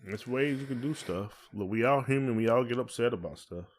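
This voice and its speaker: A brisk, mid-range male voice belongs to an American podcast co-host in easygoing chat with his wife. He pushes his opinions, says things more than once, and performs other people's lines in mimicking voices.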